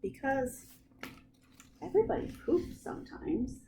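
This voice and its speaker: A woman librarian reading bedtime stories aloud with expressive, animated storytelling. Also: sits high, measured pace, a little hiss or hum.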